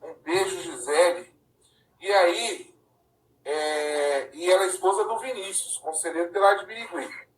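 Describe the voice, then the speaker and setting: Man, from Paraná, live-stream host, conversational, slightly high voice, echoey room, distant mic. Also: unhurried. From Paraná, Brazil. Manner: conversational, often ends with a tag question. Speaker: live-stream host and councilors' association president. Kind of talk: casual live-stream chat.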